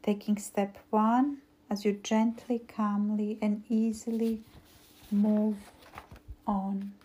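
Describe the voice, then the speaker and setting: A woman hypnotist guiding a hypnosis induction in a slow, soothing, repetitive voice, breathy and often trailing into a whisper. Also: mid-range voice, level tone, warm tone, slight background noise. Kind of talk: guided weight-loss hypnosis induction.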